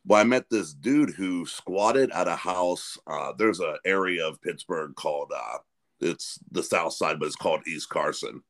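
A man's voice: low voice, unhurried, a bit bright. A man, hosting a podcast in casual, rambling chat full of restarts. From Pennsylvania. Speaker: podcast host.

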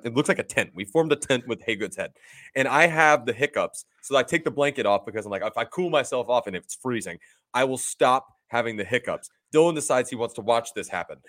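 A man's voice: medium pitch, fairly bright tone. A young man co-hosting a casual sports podcast, rambling upbeat through ad reads and laughing at his own stumbles. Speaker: podcast co-host.

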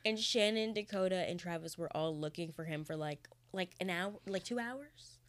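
A woman's voice: on the low side, normal speed. A young woman co-hosting a podcast, telling a story in casual chat and laughing often. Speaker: podcast co-host.

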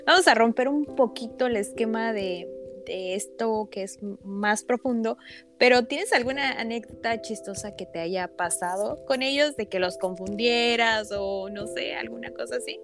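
A woman hosting an interview podcast, asking questions in a gentle, encouraging way. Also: fairly high pitch, moderate pace. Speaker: podcast host. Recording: clear music bed behind the voice.

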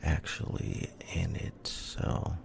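A man speaking soft ASMR in a rough, deep, hushed voice that slips into whispering, slow and halting. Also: slight background noise. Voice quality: deep, rough, breathy low voice. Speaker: ASMR video creator.

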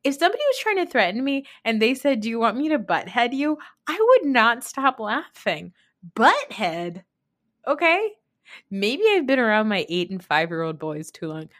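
A woman in her thirties runs a podcast of casual, opinionated and blunt reality TV talk, swearing freely and retelling events with emphasis. Her slightly high, somewhat bright voice swings widely in pitch at an unhurried pace, and she mimics others when quoting.

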